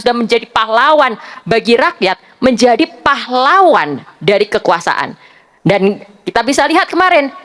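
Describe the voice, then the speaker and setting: Young woman panelist, kinda high voice, argues point by point, steady and deliberate. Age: young adult. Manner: measured, argumentative, building points one by one. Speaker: panelist, civic activist. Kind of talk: public forum speech.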